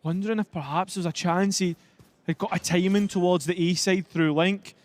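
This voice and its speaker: A man with a fairly high voice gives color commentary on an esports match. He talks through tactics and what each side has left to use. A light hiss runs behind him. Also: steady tone, moderate pace. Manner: analytical, explains tactics and resources. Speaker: esports analyst caster.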